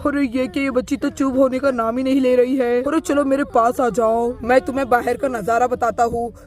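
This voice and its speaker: Woman doing a fussy young husband, doll story, fairly high voice, exclaiming, pleading. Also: steady tone, a little fast, a little mellow, close to an everyday voice. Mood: flustered.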